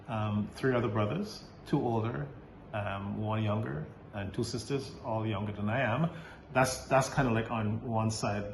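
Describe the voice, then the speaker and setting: In a roomy recording with some faint background noise, a low-voiced priest from Barbados answers interview questions casually. He hesitates a lot, stopping, restarting and using fillers, and laughs often.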